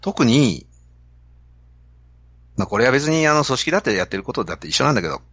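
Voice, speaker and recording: A man's voice: mid-range voice, sing-song, fast talker, a bit bright, breathy edge, no room sound, highs cut off. A man with a Kansai accent, hosting a podcast and telling a story to explain a business idea. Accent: Kansai Japanese. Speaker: podcast host. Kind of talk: casual podcast talk.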